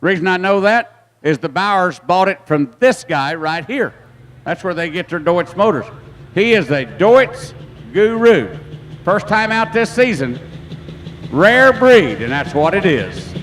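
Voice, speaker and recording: Folksy tractor pull announcer, higher male voice. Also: very animated, unhurried, a bit bright, a little hiss or hum. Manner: folksy, repeats phrases for emphasis. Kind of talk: live event commentary over a PA.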